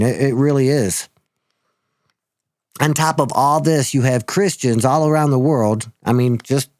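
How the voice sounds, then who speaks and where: A man's voice: mid-range voice, a little mellow, no echo, clean studio sound. A man hosting his own video channel, talking in a casual monologue that halts often, repeats words and swears casually. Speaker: video host.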